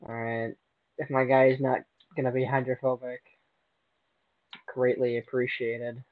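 A man's voice: medium pitch, little pitch movement, a little slow, dry recording. Exasperated man in dull voice chat. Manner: exasperated, complaining, says dude a lot. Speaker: podcast co-host. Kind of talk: casual gaming banter.

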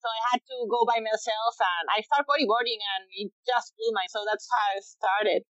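A woman in her late twenties with a Chilean accent, a professional bodyboarder appearing as an interview guest, talks casually in a halting way, full of fillers and restarted sentences. Her voice is a little high and fairly bright, and the audio is dull with no echo.

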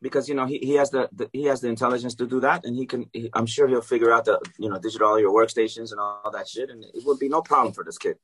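A man who is a professor, telling a story in casual chat, animated and profane, acting out quoted dialogue. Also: mid-range voice, fast, hardly any pauses, slightly rough, poor audio. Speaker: professor who teaches music.

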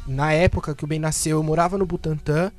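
A man's voice: a little high, fairly even intonation, fast. A man, talking as a panel guest in a casual discussion, hesitant and often tagging his sentences with questioning asides.

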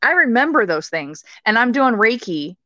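A woman guest on a podcast, talking intensely and swearing freely, now and then bursting into shouted quotes. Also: a little high, very animated, normal speed, no echo, muffled recording. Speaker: podcast guest, rage coach. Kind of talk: emphatic interview talk.

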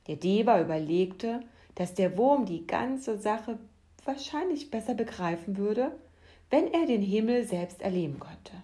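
Slow, soft-spoken woman storyteller. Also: mid-range voice, animated. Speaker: podcast host and storyteller. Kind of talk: calm storytelling narration.

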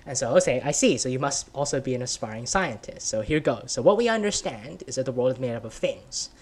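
A man's voice: medium pitch, lively intonation, fast talker, slightly rough. A man voicing a patient male scientist in a children's story he reads aloud, explaining how the world is built, with many "right?" and "sort of" fillers.

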